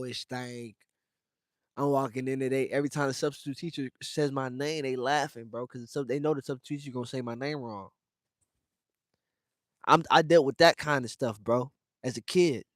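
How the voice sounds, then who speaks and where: A man's voice: medium pitch, no echo, clean studio sound. A young man from the United States speaking straight to his viewers in a casual livestream rant, slangy and emphatic, calling everyone fam and bro. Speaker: streamer talking to viewers.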